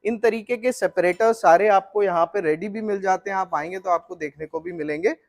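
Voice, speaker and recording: A middle-aged man giving a steady technical walkthrough of flour mill equipment, explaining it directly to the viewer. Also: high voice, fairly quick, gravelly.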